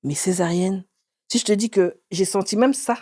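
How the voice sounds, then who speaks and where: A woman in her forties, an author and interview guest, telling her own story in a lively way and acting out what others said. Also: moderate pace, no room sound, studio quality. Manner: animated, acts out others' words with sudden pitch jumps.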